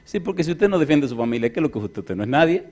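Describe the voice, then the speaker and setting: A male pastor preaching a sermon through a lively, joking personal anecdote, acting out the other people in it. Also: on the high side, rapid-fire, muffled recording. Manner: lively, jokey anecdote-telling; acts out other people's voices. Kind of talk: storytelling sermon.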